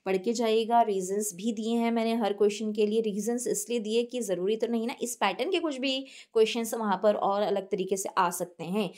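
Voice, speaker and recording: A woman's voice: mid-range voice, darkish tone. A woman, teaching an English grammar lesson and answering her own questions. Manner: asks questions then answers them herself; reads English sentences slowly and clearly.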